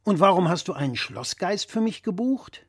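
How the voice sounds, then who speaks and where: A man's voice: high-pitched, big pitch swings, normal speed, breathy edge, voice pushed up, exaggerated voice. A man voicing an exasperated grown son who answers with dry, wry replies.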